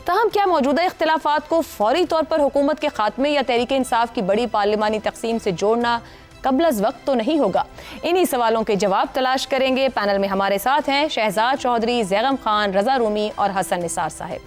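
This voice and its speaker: A woman anchoring a current-affairs talk show, her voice sitting a little high, with a soft bed of music under her. She reads a formal scripted opening before she turns to question her panelists. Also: normal speed.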